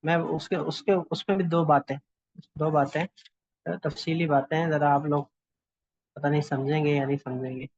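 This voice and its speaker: A man teaching a class, explaining patiently and haltingly, with pauses and fillers. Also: on the high side, level tone, darkish tone, no echo, dull audio. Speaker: calligraphy teacher.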